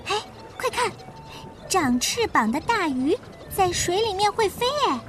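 A woman putting on the bright, bouncy voice of Keke the little turtle. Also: big pitch swings, moderate pace, soft background music, heavily acted. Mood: curious eager. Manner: high, bouncy, eager questioning. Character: little turtle Keke, curious eager young child.

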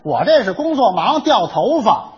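A man, performing comic crosstalk as the straight man who fires back quick, indignant retorts. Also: high voice, big pitch swings, husky. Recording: dull lo-fi recording.

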